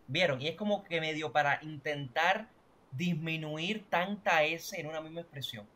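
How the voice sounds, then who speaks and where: A man's voice: a little high, normal speed, bright, forceful tone. A man teaching a language class online, explaining grammar and often checking that students follow. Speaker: Portuguese teacher.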